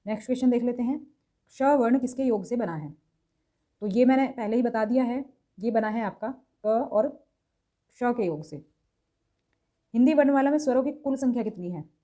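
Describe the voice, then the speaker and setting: A woman's voice: a little high, moderate pace, long pauses, dark tone. A young woman teaching an exam-prep grammar lesson, explaining step by step and sounding out letters aloud. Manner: explanatory, repeats sounds aloud, mixes in English terms.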